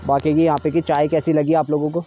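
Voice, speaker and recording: Feeling queasy from the winding mountain drive, a young man still talks to his viewers like friends on a road trip vlog shot at arm's length, later arriving at a busy temple outdoors. He talks fast in a highish, mellow voice with flat delivery, and there's slight background noise.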